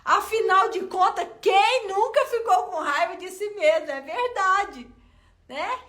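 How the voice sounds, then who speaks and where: A woman with a Brazilian Portuguese accent giving a motivational self-help talk, telling a personal story in an expressive, colloquial way and speaking straight to her viewers. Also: very high voice, slow. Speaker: self-help content creator.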